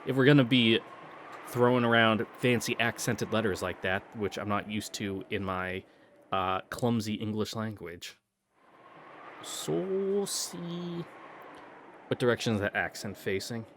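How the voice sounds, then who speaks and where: A man's voice: fairly low pitch, fairly even intonation, normal speed, fairly bright tone, a little hiss or hum. A man reading a visual novel aloud, breaking off for casual, self-mocking asides and puzzling over pronunciations. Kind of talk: read-through with joking asides.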